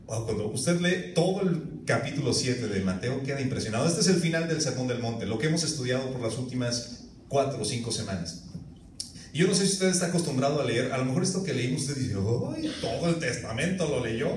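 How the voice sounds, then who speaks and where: A man, preaching a sermon as pastor, telling lively stories and acting out voices. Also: mid-range voice, a little fast, slight background noise. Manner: animated storytelling with acted-out voices. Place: church hall. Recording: echoey church room, mic at a distance.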